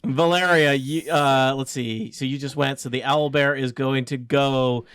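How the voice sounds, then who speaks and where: Male game master, improvised tabletop narration, halting delivery, mid-range pitch, dry close sound. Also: fairly even intonation, a bit bright, clear, resonant tone, no echo.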